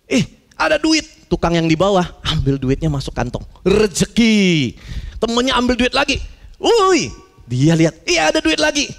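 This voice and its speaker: A male pastor preaching a lively, conversational sermon, mixing slang with acted-out stories. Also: high-pitched, big-room sound.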